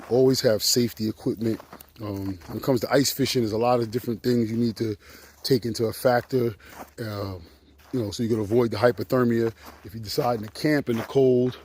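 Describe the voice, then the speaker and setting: A man's voice: mid-range voice, normal speed, a little hiss or hum. Slangy, breathless outdoor vlogger man. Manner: slangy, excitable, chatty. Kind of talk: casual outdoor vlog. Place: outdoors on a frozen lake in winter.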